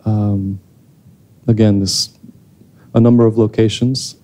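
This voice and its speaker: Soft-spoken man answering on stage. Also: on the low side, level tone, slow. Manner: thoughtful, hesitant, many restarts. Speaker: filmmaker answering audience questions. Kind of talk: post-screening Q&A. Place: theater stage with panel. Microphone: handheld mic.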